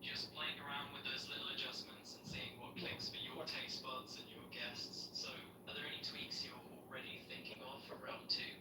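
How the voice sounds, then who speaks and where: A man's voice: medium pitch, flat delivery, normal speed, hardly any pauses, in a whisper. A man's synthetic voice with a British accent, answering as a chatty, agreeable AI assistant. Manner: upbeat, agreeable, eager to please. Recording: roomy, distant, noisy.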